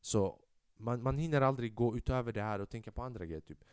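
A young man from Sweden, a podcast host telling a story in an animated way, swinging from loud outbursts to low mutters and mixing in English slang and swearing. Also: clean tone, dry recording. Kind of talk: casual storytelling.

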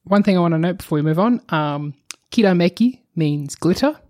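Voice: mid-range voice, animated, a little fast, a little mellow. A podcast co-host in casual chat who explains at length, speeding up in bursts and sighing now and then.

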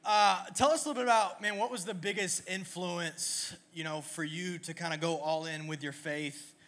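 A man's voice: high-pitched, fairly even intonation, moderate pace, a bit bright. A man hosting an on-stage interview at a church service, upbeat and joking in a casual way. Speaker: church youth service host.

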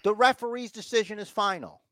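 A man with a high, fairly quick, slightly bright voice hosts a podcast recapping wrestling, recorded with no echo. His recap is casual and rambling, full of mock exasperation and phrases repeated for emphasis.

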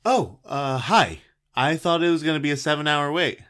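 A man's voice: a little high, moderate pace, a bit bright, lightly acted. A man playing an incredulous caller losing patience with an automated phone line. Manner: exasperated, incredulous. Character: frustrated caller stuck on hold, man.

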